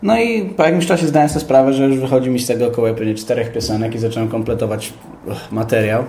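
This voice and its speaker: A young man talks through his ideas in a relaxed, thoughtful interview, his voice mellow and soft-edged. The sound is roomy and echoey, with a faint hiss of noise underneath. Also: medium pitch, fast. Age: young adult. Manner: thoughtful, explanatory. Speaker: interviewee, rapper. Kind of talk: casual interview.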